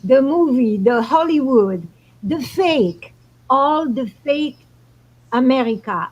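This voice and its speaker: A woman's voice: sits high, expressive, slow, darkish tone, dull audio. A woman from Morocco, hosting a casual astrology talk and explaining spiritual ideas earnestly. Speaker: show host.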